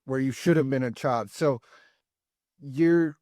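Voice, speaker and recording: A man's voice: mid-range voice, slow, dark tone, no echo, studio quality. A man hosting a podcast, chatty and affirming, with a few digressions. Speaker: podcast host. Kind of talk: casual podcast conversation.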